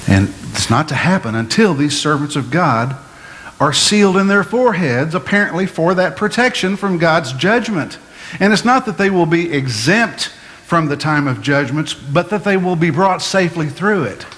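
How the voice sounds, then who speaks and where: A male pastor giving a measured, explanatory Bible-teaching sermon, asking his listeners questions as he goes. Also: fairly high pitch, lively intonation, a bit bright. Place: church sanctuary. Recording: long hall reverb, faint room noise.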